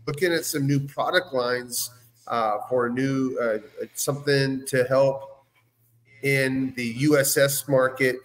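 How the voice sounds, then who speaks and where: A man who owns a business speaks earnestly as a guest co-host in casual conversation, often repeating and rephrasing himself. His medium-pitched voice is steady and slow, and the audio is poor.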